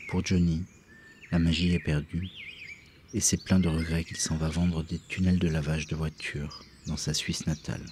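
A man giving a scripted storytelling narration in a measured way. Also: sits low, a little mellow, a little hiss or hum. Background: music.

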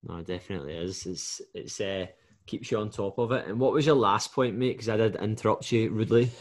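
A Scottish man hosting a casual podcast chat about coaching, talking in an animated, storytelling way and often checking "do you know what I mean". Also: fairly low pitch, fairly quick. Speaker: podcast host and fitness coach.

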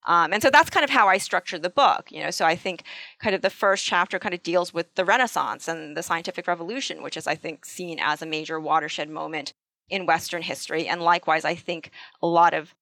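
A woman's voice: lowish voice, fairly quick, pushed and bright, no room sound. A woman historian answering interview questions, hesitant with many ums and repeated starts. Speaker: guest historian.

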